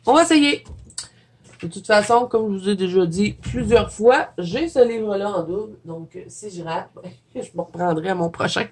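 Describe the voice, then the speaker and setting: A woman with a mid-range voice and a Quebec French accent chats easily while painting for viewers, congested with a head cold. As a watercolor coloring vlogger, she's chatty, laughs a lot, and jokes about herself.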